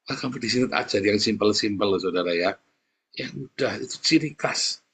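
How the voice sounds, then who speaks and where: Male preacher, husky low voice, blunt and animated delivery that jumps between loud and soft. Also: brisk. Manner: animated, swings loud and soft, addresses listeners as brothers and sisters; blunt, colloquial. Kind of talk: sermon.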